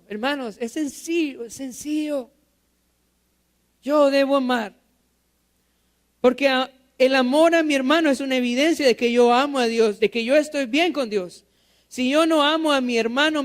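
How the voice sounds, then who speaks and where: Very high-voiced male pastor preaching. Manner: asks the congregation rhetorical questions and repeats key phrases. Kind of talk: sermon. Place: church.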